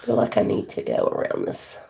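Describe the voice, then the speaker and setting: A woman's voice: brisk, dark tone. A woman from Texas with a Texan accent, chatting informally in brief, folksy remarks while she demonstrates a craft on a live stream. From Texas, United States. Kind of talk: casual chat while working.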